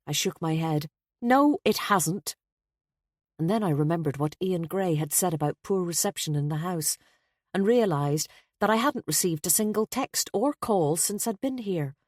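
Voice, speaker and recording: Low-voiced woman narrating an audiobook. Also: moderate pace, a little mellow, no room sound, clean studio sound. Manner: wry, introspective first-person telling. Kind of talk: scripted first-person audiobook narration.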